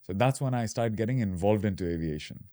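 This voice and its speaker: A man from Dubai in his thirties, a podcast guest talking casually and explaining his path with relaxed fillers. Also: on the low side, brisk, dry recording, clean studio sound. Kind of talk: casual interview.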